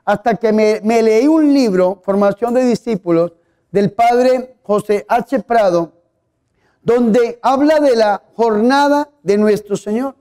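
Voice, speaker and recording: High-voiced male priest preaching. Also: takes it slowly, warm tone. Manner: conversational, asks the audience questions, tells humorous anecdotes. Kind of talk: sermon.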